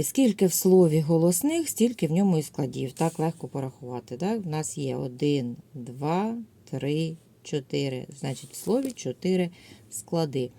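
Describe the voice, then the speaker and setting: A woman teacher with a Ukrainian accent giving a video lesson to young pupils, dictating slowly and clearly. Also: sits low, warm tone. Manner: slow, clear dictation with drawn-out words. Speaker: primary school teacher.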